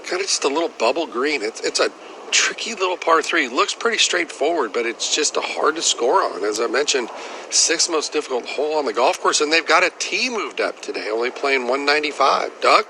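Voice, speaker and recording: A man's voice: fairly high pitch, expressive, a little fast, pushed and bright, a little hiss or hum, poor audio. A man giving conversational analysis as a golf commentator on an outdoor broadcast.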